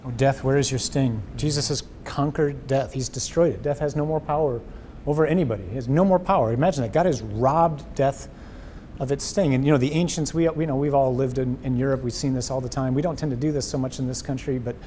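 Earnest priest with a mellow, warm voice. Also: male voice, mid-range voice, brisk, a little hiss or hum. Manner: earnest, animated, repeats words as he thinks. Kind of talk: conversational faith discussion. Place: indoors before a wall of memorial crosses.

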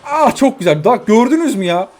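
High-voiced excitable young man gaming. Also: a little fast. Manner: excitable, frustrated outbursts, talks to opponent. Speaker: gaming YouTuber. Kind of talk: live gameplay commentary. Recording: faint music behind.

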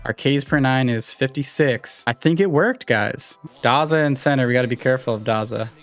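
A young man giving live commentary on a baseball video game he is playing, talking to his viewers and reacting loudly to each play, with faint music behind him. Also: medium pitch, fairly quick. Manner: excitable, talks to viewers while playing. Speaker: gaming YouTuber.

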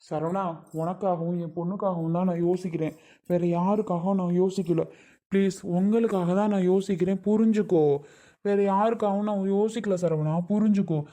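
A man's voice: high voice, steady tone, fairly quick, dark tone, lightly acted. A man playing an older father-in-law who coaxes and insists, repeating his pleas, in a family drama skit. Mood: pleading.

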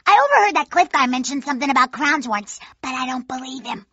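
Casting: wild young female badger in an animated game; feisty, oddball, excitable, wildly swooping pitch, sharp tone. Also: fast, breathy edge, no room sound, lo-fi sound, full character voice. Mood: conspiratorial, quirky. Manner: excitable, quirky, exclamatory. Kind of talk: animated video game character acting.

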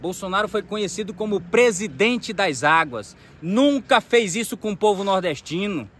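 A man's voice: sits high, animated, moderate pace, fairly bright tone, a little hiss or hum. A man, recording an outdoor political vlog on a phone by a dam, speaking combatively and calling out the president. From Maranhão, Brazil. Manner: combative, addresses the president directly, gestures emphatically. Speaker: political vlogger. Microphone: phone camera, selfie framing.

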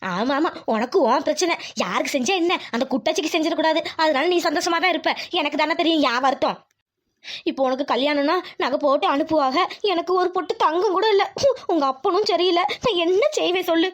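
A woman's voice: high-pitched, brisk, lightly acted. A woman voicing a fretful, greedy middle-aged village mother in a cartoon, wailing and grumbling in self-pity. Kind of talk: cartoon voice acting.

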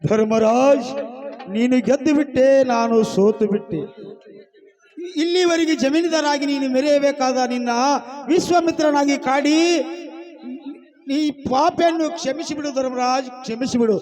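ಒಬ್ಬ ನಟ ಆಡುವ ಸೋತು ಪಶ್ಚಾತ್ತಾಪ ಪಡುವ ವ್ಯಕ್ತಿ, ತುಂಬಾ ಎತ್ತರದ ಧ್ವನಿಯಲ್ಲಿ ನಾಟಕೀಯವಾಗಿ ಕ್ಷಮೆ ಬೇಡುತ್ತಾನೆ. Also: male voice, very high-pitched, normal speed, long pauses, darkish tone. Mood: remorseful pleading. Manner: broken, pleading declamation. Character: defeated remorseful man begging forgiveness. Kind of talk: stage drama acting.

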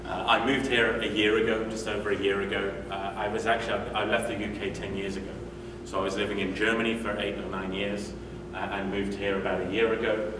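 In a medium-sized hotel meeting room, a UK man in his forties speaks at a conference in a brisk, conversational way, often using fillers and restarting. His voice is on the low side with a level tone. The audio comes from a far-off room mic and sounds noisy and echoey.

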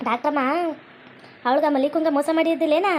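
A woman's voice: sits high, fairly even intonation, fast, darkish tone, a little hiss or hum, natural voice. A woman playing a gossiping village neighbor who chatters on, with a North Karnataka Kannada accent. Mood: gossipy.

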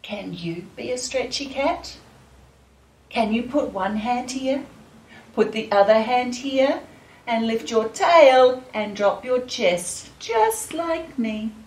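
A woman leading a children's dance class, talking to young kids in a slow, sing-song, encouraging way. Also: a little high, lively intonation. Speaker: children's dance and gym teacher. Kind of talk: leading a kids' movement class. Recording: echoey room, voice from far off, faint music.

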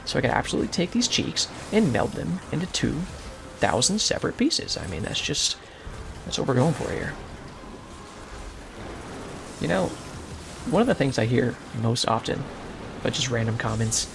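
A soft-spoken young man giving casual, rambling gameplay commentary with jokey asides. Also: medium pitch, big pitch swings, normal speed, gravelly, pauses often, noisy background. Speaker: gaming YouTuber.

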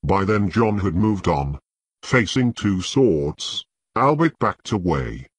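Slow, husky male audiobook narrator. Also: low voice, sing-song, no echo. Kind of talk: scripted narration.

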